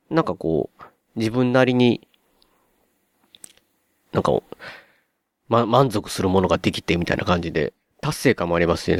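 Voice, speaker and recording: A man with a Kansai accent, chatting on a podcast as a co-host and telling stories in an animated way, acting out his own surprised reactions. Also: sits low. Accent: Kansai Japanese. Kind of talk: casual podcast chat.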